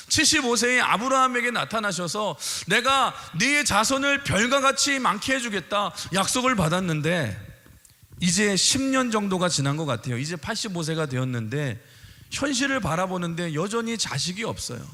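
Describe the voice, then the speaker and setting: A man's voice: sits high, expressive, fairly quick, pushed and bright. A man preaching a sermon in a church sanctuary, emphatic and speaking directly to the congregation. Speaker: pastor. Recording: long church reverb.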